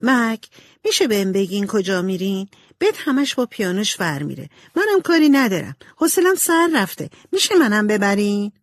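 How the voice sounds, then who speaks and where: A woman voicing a spoiled, proud young girl in an audiobook, with a high, whiny girlish voice. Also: sing-song, no echo, clean studio sound. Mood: pleading.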